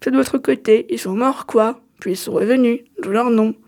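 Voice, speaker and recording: Calm, patient female guide to a hidden world, fairly high voice, read by a woman in her own voice. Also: normal speed, lightly acted. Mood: patient explaining.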